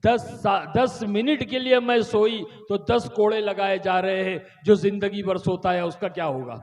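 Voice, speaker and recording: A humble young slave girl explains herself meekly, as a male preacher puts her on. His high voice echoes through a large hall. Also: measured pace. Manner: meek, explaining.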